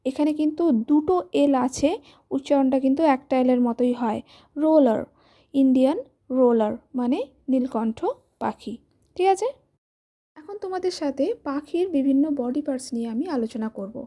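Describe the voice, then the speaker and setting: A woman's voice: high-pitched, moderate pace, warm tone. A woman with a Bengali accent teaching young children English, patiently spelling words letter by letter in a close voice-over.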